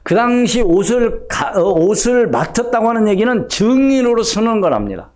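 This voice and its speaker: High-voiced male pastor preaching. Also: big pitch swings, moderate pace, darkish tone. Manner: conversational preaching, acts out gossipy dialogue. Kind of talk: Sunday sermon.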